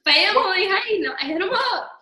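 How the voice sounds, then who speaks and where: A woman's voice: extremely high pitch, normal speed, roomy sound, poor audio. A woman casually telling a story on a group call, often breaking into laughter as she talks. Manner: giggly, breaks into laughter, animated. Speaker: team member sharing her story.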